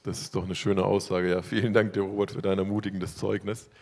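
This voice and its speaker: A man leads a church gathering and introduces each testimony in a calm, even way. His voice is very low and gravelly, with a flat, steady melody. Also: a little fast, soft background music. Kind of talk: moderating testimonies.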